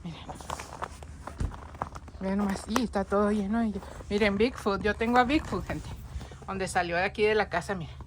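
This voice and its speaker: A woman's voice: medium pitch, steady tone, moderate pace, pauses often, noisy background. A woman, chatting casually to her viewers while filming a snowy yard on her phone outdoors. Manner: chatty, addresses viewers constantly. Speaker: vlogger. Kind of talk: casual vlog walkthrough. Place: outdoors in deep snow.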